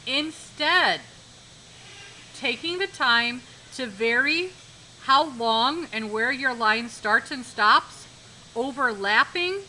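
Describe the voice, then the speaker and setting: A woman's voice: a little high, expressive, takes it slowly, pushed and bright, a little hiss or hum, rough recording. A woman art teacher giving a live demonstration lesson in a classroom, instructive, repeating key points and checking that students follow.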